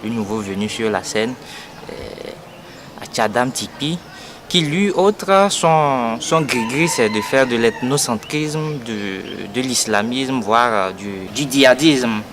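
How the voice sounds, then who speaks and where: A man's voice: medium pitch, lively intonation. Young man, noisy street. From Togo. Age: 20s. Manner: earnest, halting with many fillers and repeated words. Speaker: young party activist. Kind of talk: political interview statement. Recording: noisy outdoor street recording.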